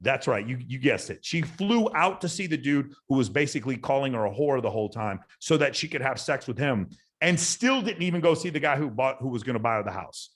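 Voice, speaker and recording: A man's voice: mid-range voice, expressive, fairly quick. A man talking as a guest on a podcast, telling stories in a blunt, emphatic and profane way. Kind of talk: casual podcast chat.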